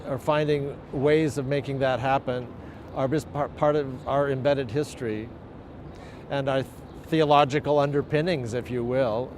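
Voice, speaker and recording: A man, a church minister, explaining in a measured, slightly formal and reflective way. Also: mid-range voice, noisy background. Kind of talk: explanatory interview.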